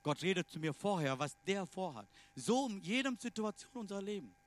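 A man preaching a sermon in non-native German phrasing, emphatic, swinging between loud declarations and quiet asides. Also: high-pitched, big pitch swings, brisk.

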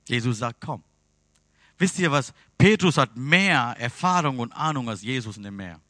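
A man preaching a sermon to a congregation in with broken grammar, earnest, swinging between loud urging and quiet pleading. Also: medium pitch, no echo.

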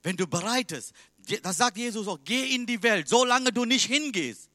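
A man preaching a sermon in a language that is not his first, emphatic and swinging between loud and quiet. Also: extremely high pitch, lively intonation, normal speed, no room sound, clean studio sound.

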